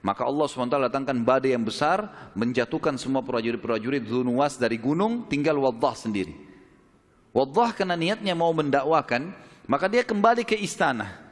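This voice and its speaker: A male preacher narrating a historical story in a lively sermon, repeating key phrases for emphasis. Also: mid-range voice, brisk. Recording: long hall reverb.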